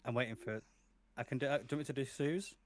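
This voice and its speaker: A man's voice: medium pitch, fast talker, a little hiss or hum. A young man, a guest streamer chatting casually on a podcast, laughing often and swearing freely.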